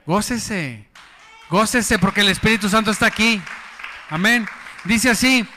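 A man preaching a lively evangelical sermon, emphatic with joking asides. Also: sits high, a little slow, a faint crowd, a little hiss or hum. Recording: echoey church hall.

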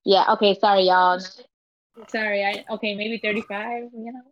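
A woman's voice: mid-range voice, steady tone, normal speed. A woman co-hosting a podcast, chatty and explaining things at length in a casual way. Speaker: podcast co-host. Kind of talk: casual chat. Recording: dull lo-fi audio.

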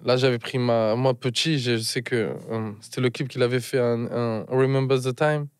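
Marseille man chatting, halting and dry. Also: medium pitch, level tone, smooth, no room sound. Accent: southern French (Marseille). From Marseille, France. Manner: halting, searching for words, mixes in English. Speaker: musician guest. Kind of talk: casual interview chat.

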